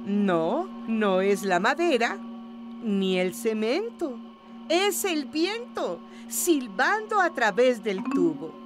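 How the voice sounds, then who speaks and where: A woman's voice: a little high, very animated, slow, over music. A woman playing a storybook narrator in a children's cartoon, talking to the character. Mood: explanatory.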